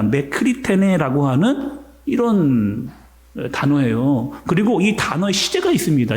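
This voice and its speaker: A man's voice: high-pitched, reverberant. A man, a senior pastor, preaching a sermon in a church sanctuary, telling stories and addressing the congregation directly.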